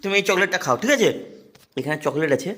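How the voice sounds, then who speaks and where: A man talking casually in a family home vlog, chatty and often laughing, coaxing a small child gently. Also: sits high, expressive, fast talker. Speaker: family vlogger. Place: at home, indoors.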